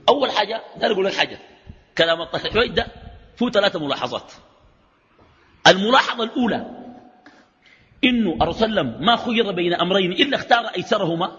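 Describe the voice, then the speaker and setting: Animated Sudanese sheikh in a reverberant hall. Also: male voice, sits high. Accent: Sudanese Arabic. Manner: animated, fires rhetorical questions at the audience. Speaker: sheikh giving a religious lecture. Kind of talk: colloquial religious lecture. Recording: reverberant hall, dull lo-fi sound.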